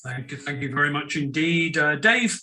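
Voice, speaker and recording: A man's voice: a little high, animated, normal speed, sharp tone. A man hosting a panel on a video call, jokey, repeating words as he goes. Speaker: webinar host. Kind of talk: panel moderation.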